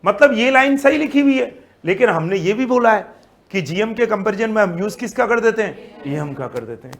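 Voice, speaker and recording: A male statistics teacher, lecturing an online class, lively and asking then answering his own questions. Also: high-pitched, brisk. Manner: mixes Hindi with English terms.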